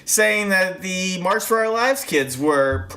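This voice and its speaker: A man's voice: high-pitched, lively intonation, slow pace, pushed and bright. A man co-hosting a comedy podcast, lecturing in an exasperated, indignant way. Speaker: podcast co-host in a mock debate. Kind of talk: improvised comedy debate.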